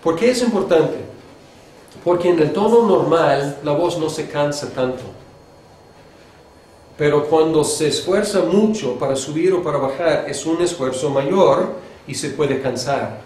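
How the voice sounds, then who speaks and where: A man from Mexico teaching a seminary class on preaching, talking conversationally and showing pitch and pace changes with his own voice. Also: measured pace, a little mellow. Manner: conversational, with fillers and restarts. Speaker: homiletics teacher. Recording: echoey lecture room with faint background noise.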